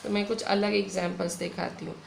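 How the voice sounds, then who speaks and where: A woman's voice: medium pitch, little pitch movement, creaky, a little hiss or hum. A young woman teacher with an Indian accent, patiently explaining grammar in an online lesson. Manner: slow, patient explaining with frequent "theek hai". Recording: echoey room with faint ambience.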